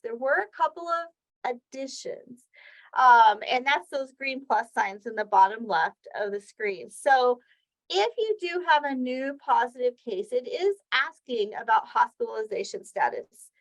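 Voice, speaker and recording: Over poor audio, a presenter with a somewhat high voice runs her weekly healthcare training webinar. She goes through the slides one step at a time, keeping it conversational and illustrating points with examples.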